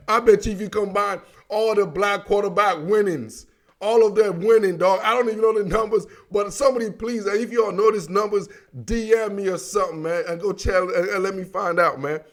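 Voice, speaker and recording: A man's voice: sits high, fairly even intonation, moderate pace. A man from Africa hosting a sports podcast, talking casually and animatedly in slang and laughing often.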